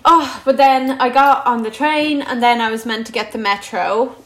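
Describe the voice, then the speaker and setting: A young woman with a Dublin Irish accent tells a story in casual chat, fairly high-voiced and animated. She slips into other people's lines in quick, lively bursts. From Dublin, Ireland. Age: 20s.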